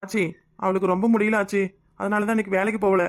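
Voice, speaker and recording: A woman's voice: mid-range voice, little pitch movement, quick pace, lightly acted. A woman voicing a meek, pleading young grandson in a cartoon. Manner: pleading, defensive. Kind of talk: cartoon voice acting.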